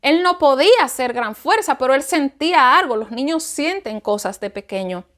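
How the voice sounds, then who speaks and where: A woman's voice: high voice, animated, moderate pace, a bit bright. A woman giving an emotional personal spiritual testimony, often repeating herself and acting out her own cries for help. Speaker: testimony speaker.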